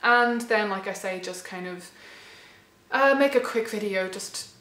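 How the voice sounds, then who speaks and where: A woman's voice: medium pitch, unhurried, fairly bright tone, roomy sound. A woman around thirty talking in a thoughtful, hesitant way, with many restarts, her voice a little worn. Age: late 20s to 30. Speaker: channel host. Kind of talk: reflective personal vlog.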